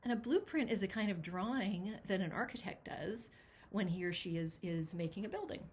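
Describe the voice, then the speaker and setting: With a medium-pitched, darkish voice at normal speed, a woman who writes picture books introduces her story in a chatty way and then reads it to children with animated expression and emphasis on key words. There's slight background noise.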